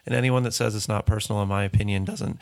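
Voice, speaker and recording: A man hosting an interview, who laughs often and fills his pauses with ums while he asks questions. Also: on the low side, fairly even intonation, vocal fry, darkish tone. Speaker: interview host. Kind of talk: casual interview talk.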